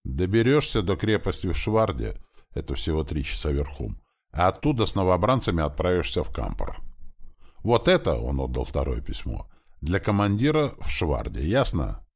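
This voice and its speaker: A man's voice: low-pitched, sing-song, normal speed, slightly rough, full character voice. A man reading the lines of a warrior prince giving firm, urgent orders to a younger brother.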